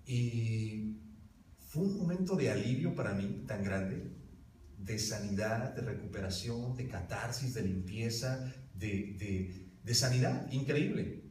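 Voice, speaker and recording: A man delivers a sermon from some way off the microphone, his voice filling a reverberant church hall. He sits at an average pitch and talks with emphasis, turning to the congregation with direct questions. A faint murmur of the room sits underneath. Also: slow pace, a little mellow, a little hiss or hum. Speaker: preacher. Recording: roomy hall from a distance.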